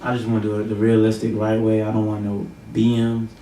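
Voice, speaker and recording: A man's voice: lowish voice, monotone, brisk, dark tone. A man in his twenties, a guest, speaking in a laid-back, slangy and earnest way. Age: 20s. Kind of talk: casual chat. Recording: roomy, distant mic, faint noise.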